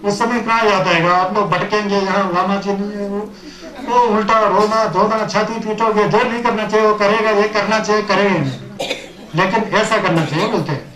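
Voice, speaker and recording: Male Buddhist teacher, high-pitched voice, reads scripture lines then explains them conversationally, roomy echo. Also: fairly even intonation, moderate pace, fairly bright tone. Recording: roomy, echoey recording.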